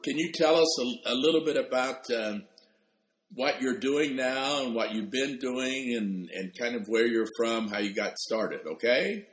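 A male radio show host introducing a guest, halting and full of fillers. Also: medium pitch. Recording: roomy echo.

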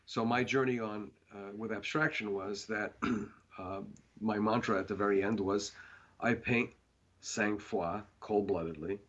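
A man's voice: lowish voice, fairly even intonation, normal speed, fairly bright tone, highs cut off. A man, a painter being interviewed, talking in a rambling casual way with many fillers and restarts.

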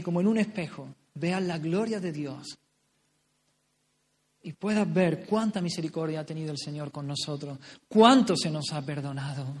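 A man's voice: sits high, a little mellow. A man from preaching a sermon in a fervent, pleading way, full of exclamations. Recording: long hall reverb.

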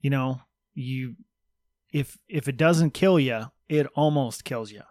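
A man's voice: mid-range voice, slow, darkish tone, dry recording, clean studio sound. A man co-hosting a podcast in casual, joking talk, explaining things with mock-serious sarcasm. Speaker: podcast co-host.

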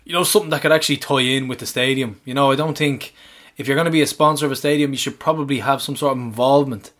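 Irish guy hosting a podcast, normal pitch, informal jokey chat. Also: fairly even intonation, very fast, a bit bright. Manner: bantering, informal. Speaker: podcast host. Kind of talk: casual chat.

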